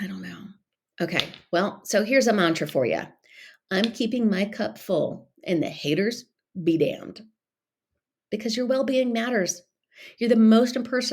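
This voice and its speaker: A woman's voice: medium pitch, vocal fry, a little mellow. A middle-aged woman, chatting encouragingly to her podcast listeners. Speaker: podcast host. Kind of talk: casual motivational talk.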